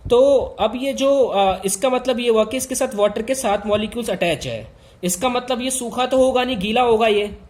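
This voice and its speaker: A man's voice: very high-pitched, normal speed. A man teaching an informal lesson, talking straight to his students with emphatic repetition.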